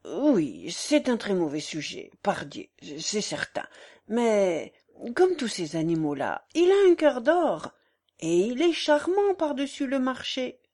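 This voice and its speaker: A woman's voice: fairly high pitch, very animated, takes it slowly, darkish tone, heavily acted. A woman reading aloud voices a scheming, chatty old countess who keeps pressing and coaxing to get her son married. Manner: coaxing, insistent, effusive.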